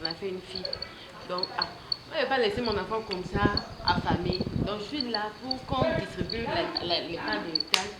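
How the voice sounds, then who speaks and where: A woman's voice: mid-range voice, a little fast, lightly acted. A woman playing a mistress who comes to claim an inheritance for her child, speaking in a pleading, then defiant way. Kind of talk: amateur drama acting. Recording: echoey room with loud noise.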